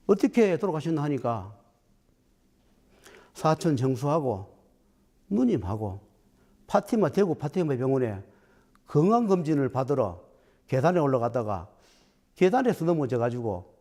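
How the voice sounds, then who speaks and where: Lively-voiced man telling stories. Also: medium pitch. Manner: recounts stories acting out quoted dialogue. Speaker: Buddhist dharma teacher. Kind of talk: storytelling talk.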